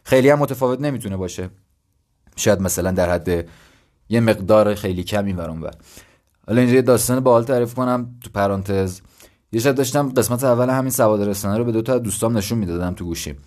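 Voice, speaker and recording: Low-voiced young man explaining casually. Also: darkish tone. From Iran. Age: 20s. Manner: conversational and explanatory, thinking aloud with self-deprecating asides. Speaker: podcast host. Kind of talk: casual solo podcast talk.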